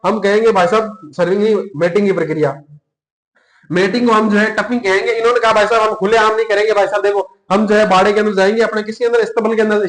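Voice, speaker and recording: Fast-talking high-voiced Hindi teacher, Rajasthani. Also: male voice, echoey room. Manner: chatty, repeats points and asks himself questions. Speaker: exam coaching teacher. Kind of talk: classroom lecture with memory tricks.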